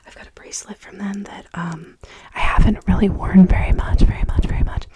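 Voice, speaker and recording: A fast, whispered ASMR ramble in a casual, chatty manner, with words and phrases repeated over and over in quick runs. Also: medium pitch, steady tone. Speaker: ASMR creator.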